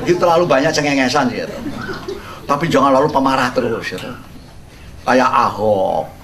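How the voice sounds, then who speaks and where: An older man, a pastor, giving an expository sermon as a humorous, animated storyteller who sprinkles in English words. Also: mid-range voice, brisk, recorded from a distance, a little hiss or hum.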